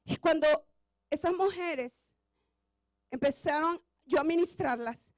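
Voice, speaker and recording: A woman pastor preaching a sermon with passion, often building to shouts. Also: high-pitched, slow pace, no echo. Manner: impassioned preaching that rises to shouts.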